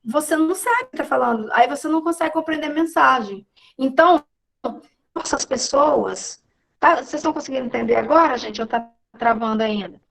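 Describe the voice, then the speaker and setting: A woman's voice: high voice, a little fast, creaky, fairly bright tone, low-quality recording. A woman teacher giving a casual online class over a video call, chatty and often checking in with her students.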